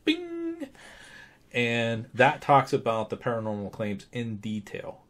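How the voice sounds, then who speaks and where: A man co-hosting a paranormal vlog in casual conversation, stretching words for emphasis in a halting way. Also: medium pitch. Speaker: paranormal show co-host. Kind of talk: casual two-host vlog discussion.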